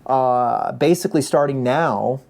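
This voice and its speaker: A man's voice: medium pitch, a little slow, vocal fry, a little mellow. A man in his mid-forties telling a story in a chatty, casual vlog update, restarting his sentences often. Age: 40s. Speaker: vlogger, ultrarunner.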